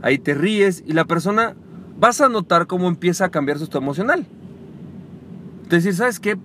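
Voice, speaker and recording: A man hosting a podcast, coaching listeners on sales and acting out short dialogues in a calmer, lower voice. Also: a little fast, a little hiss or hum. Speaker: podcast host. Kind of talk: motivational sales talk.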